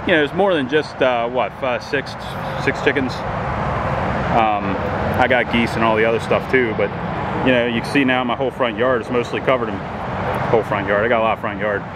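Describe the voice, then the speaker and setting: Guy in his 30s rambling outside in his yard, lots of uhs, mid pitch, loud noisy background. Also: brisk. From Maryland, USA. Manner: relaxed, rambling, many fillers and restarts. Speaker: hobby poultry keeper and tinkerer. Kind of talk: casual how-to vlog. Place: outdoors in a grassy yard by a chicken pen. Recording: loud outdoor background noise. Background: loud outdoor ambience.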